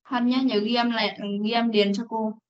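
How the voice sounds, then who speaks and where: A woman teaching an English class over a video call, reading sentences slowly for students to repeat and correcting them firmly. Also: a little high, flat delivery. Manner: reads English slowly for repetition, scolds firmly. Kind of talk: online class instruction. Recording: dull lo-fi meeting recording.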